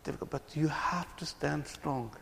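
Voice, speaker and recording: Gravelly yet fairly bright, his voice is pitched fairly high and delivered at a moderate pace. He is a Palestinian ministry speaker on reconciliation who tells stories earnestly to an audience, frequently repeating himself, captured with long hall reverb.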